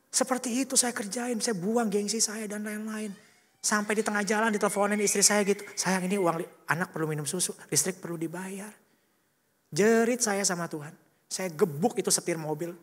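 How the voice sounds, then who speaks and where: A man, telling a colloquial, emotional personal testimony in a church service. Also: high voice. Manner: animated emotional storytelling, acting out quotes, colloquial. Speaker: church speaker giving a testimony. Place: church hall. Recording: reverberant church hall.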